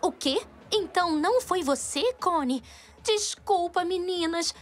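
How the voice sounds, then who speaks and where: Very high-pitched diva girl. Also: expressive, unhurried, soft background music. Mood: apologetic. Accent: Brazilian Portuguese. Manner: self-important, dramatic, whiny when crossed. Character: vain, bossy young girl pop star. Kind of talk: animated cartoon dubbing.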